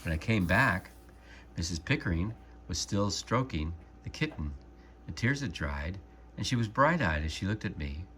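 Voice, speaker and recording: A man calmly and gently reading a storybook aloud as narrator. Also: low-pitched, slight background noise. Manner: calm, gentle, measured narration.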